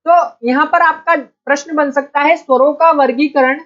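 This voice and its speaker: A woman's voice: high voice, fairly even intonation, moderate pace, lo-fi sound. A woman teaching an online exam-prep lesson, repeating key points and quizzing her students with questions she then answers herself.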